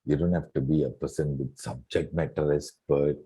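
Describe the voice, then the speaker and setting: A man in his sixties from Singapore, a retired coach reflecting in an interview with many soft fillers. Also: rumbling low, fairly even intonation, moderate pace, breathy edge. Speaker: guest coach. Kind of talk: relaxed interview conversation.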